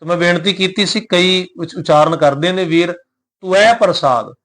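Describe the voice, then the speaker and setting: A man with a fairly high voice teaches how to recite scripture. He chants each verse slowly and deliberately, then explains it in a calm, plain, respectful way. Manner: addresses listeners respectfully and humbly.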